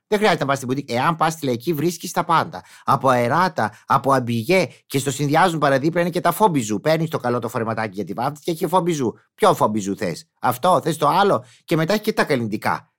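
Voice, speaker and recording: A man's voice: fairly high pitch, lively intonation, few pauses, a bit bright. A man delivering a casual comic monologue in a chatty, exclamatory way, with mock-indignant asides.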